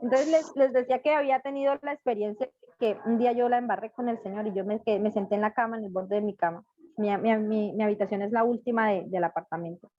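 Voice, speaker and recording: A woman's voice: medium pitch, steady tone, quick pace, no echo. A middle-aged woman giving an emotional, repetitive personal testimony over a video call. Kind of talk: personal testimony in an online class. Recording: dull lo-fi video call audio.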